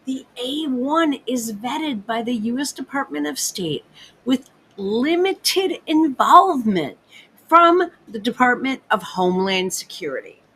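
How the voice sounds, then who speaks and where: Profane, excitable woman ranting slowly. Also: on the high side, a little hiss or hum, poor audio. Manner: profane, excitable, self-interrupting. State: hiccuping. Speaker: podcast host. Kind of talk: ranting casual commentary.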